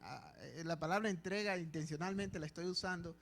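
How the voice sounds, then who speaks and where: A man's voice: on the high side, fairly quick, vocal fry, fairly bright tone. A man with a Dominican Spanish accent, a pastor preaching a sermon in church with emphatic, repeated phrases. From Dominican Republic.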